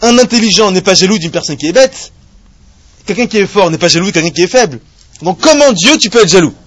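A man teaching a live Torah class to a small group of students, animated and joking, asking rhetorical questions as he explains a text. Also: high voice, fast, dry recording.

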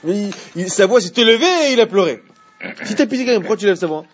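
Un homme qui donne un cours de Torah de façon animée et pose des questions à ses élèves. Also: male voice, high voice, fast talker, dull audio. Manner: animated, asks the class questions. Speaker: Torah teacher. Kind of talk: Torah class.

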